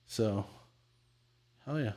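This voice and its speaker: A man's voice: fairly low pitch, drawn-out words, dark tone. Middle-aged man telling crude jokey stories. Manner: crude, joking storyteller who acts out voices. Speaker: podcast co-host. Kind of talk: casual livestream chat.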